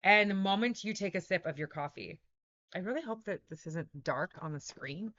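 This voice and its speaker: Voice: mid-range voice, animated, normal speed, fairly bright tone, highs cut off. A wellness channel host in a casual, rambling monologue to camera, often checking in with "right?" and acting out the voices in their own head. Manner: rambling, self-correcting, keeps asking "right?"; voices own inner thoughts in quotes.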